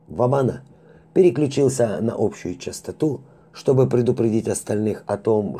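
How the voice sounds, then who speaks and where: A man narrating a science fiction audiobook in a lively storytelling manner, acting out the characters. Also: fairly low pitch, husky.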